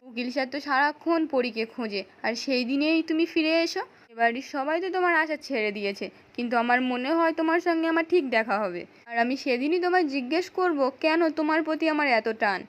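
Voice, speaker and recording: A woman voicing an earnest young wife, gentle but firm, speaking in a pleading, heartfelt way. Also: high-pitched, lively intonation, brisk.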